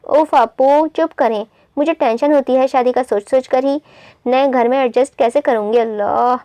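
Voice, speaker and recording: A woman voicing a sharp-tongued young woman about to be married, teasing and whiny. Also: high voice, normal speed, no echo, natural voice. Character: cheeky young bride-to-be, teasing and dramatic.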